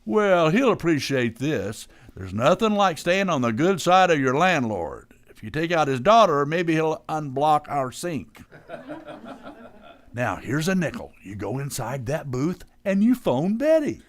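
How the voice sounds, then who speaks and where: In a live old-time radio comedy, an actor plays a blustery, bumbling but well-meaning working-class dad, talking in a folksy, ungrammatical, theatrical way. His male voice is fairly high, swings widely in pitch, runs a little slow and sounds reassuring and folksy.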